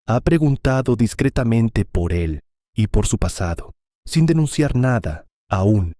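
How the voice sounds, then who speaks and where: A man's voice: mid-range voice, lively intonation, a little slow, mellow, dry recording, studio quality, close to an everyday voice. A man voicing a discreet, matter-of-fact male investigator in a storybook. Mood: cautious.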